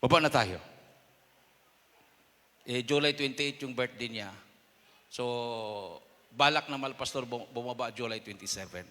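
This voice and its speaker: A Filipino man preaching a sermon testimony, telling a story and acting out quoted voices with sudden loud bursts. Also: medium pitch, measured pace, long pauses. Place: church hall. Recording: long hall reverb.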